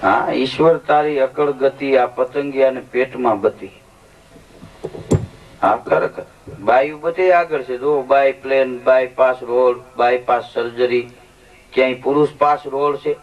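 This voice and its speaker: A man telling comic stories on stage at a folk show, with lively joke-telling and quoted dialogue. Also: mid-range voice, a little slow. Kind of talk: stage storytelling comedy. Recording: lo-fi live recording from a distance.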